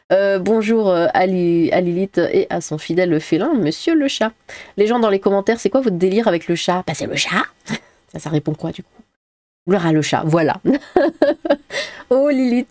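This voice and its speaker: A woman talks casually through viewer comments on her channel, chatty and full of small hesitations and giggles. Her pitch sits in an ordinary middle range. The sound is dry and close, with no room echo. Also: a little mellow. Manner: chatty, frequent fillers, giggles often. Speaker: YouTuber reading viewer comments. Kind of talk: casual chat.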